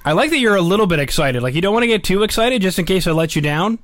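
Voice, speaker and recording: A man's voice: high voice, animated, racing, a bit bright, no room sound. Upbeat, chatty man hosting a podcast. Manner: upbeat, chatty, laughs easily. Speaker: podcast host. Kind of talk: casual interview.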